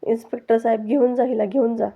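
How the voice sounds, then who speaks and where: Scheming woman villain, read by a woman narrator, flat, slightly high. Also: fast, narrow, tinny audio. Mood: fake grief. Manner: mocking, threatening in low tones.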